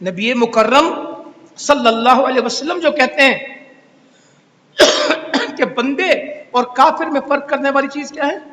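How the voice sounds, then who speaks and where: High-voiced, exhorting preacher. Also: male voice, a little slow, pauses often, bright, forceful tone. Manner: scolding, rhetorical questions, exhorting. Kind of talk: Friday sermon. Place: mosque. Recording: echoey hall reverb.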